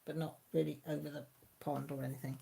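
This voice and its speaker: Here a woman with a Radnorshire accent from Mid Wales leads a casual live chat on her own YouTube channel, reading comments and laughing plenty. Her low voice is quick and flat in delivery, creaky and warm with a breathy edge. The feel is chatty and homely.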